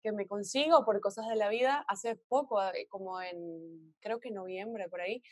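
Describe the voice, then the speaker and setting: A woman in her thirties from Venezuela with a Venezuelan accent, chatting as an actress guest in an interview and telling animated stories, quoting herself and others along the way. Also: mid-range voice, normal speed, no room sound. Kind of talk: casual interview chat.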